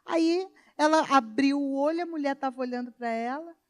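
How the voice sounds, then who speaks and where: A woman pastor with a Brazilian Portuguese accent, preaching a sermon in an emphatic storytelling manner that swings between soft and loud. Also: sits high, normal speed. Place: church.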